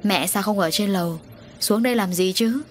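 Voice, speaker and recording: A woman's voice: mid-range voice, moderate pace, faint music behind, close to an everyday voice. A woman voicing a guilt-stricken middle-aged father in an audio story. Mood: curt. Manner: anguished, pleading.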